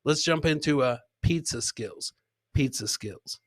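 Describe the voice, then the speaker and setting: Here the comedy livestream host, a man in his forties, speaks at a medium pitch and a slightly slow pace. He's jocular and profane, repeats himself, and sits close to a podcast mic on a boom arm or a headset, with no room sound at all.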